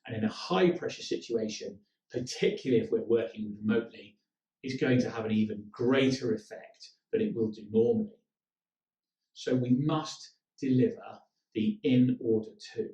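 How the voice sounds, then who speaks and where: A man delivers a leadership training talk, direct and instructive, with a medium-pitched voice. He is picked up from some distance in an echoey room. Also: steady tone, moderate pace, dark tone. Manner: direct, instructive, with acted-out quotes.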